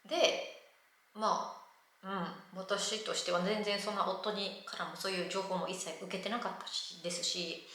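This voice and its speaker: Woman vlogger, Kansai accent, animated storyteller who acts out her story, clear bright tone, heavy room echo. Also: medium pitch, moderate pace. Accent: Kansai Japanese. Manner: lively retelling that acts out the people in her story. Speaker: vlogger living abroad. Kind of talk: casual storytelling to camera. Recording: very echoey room.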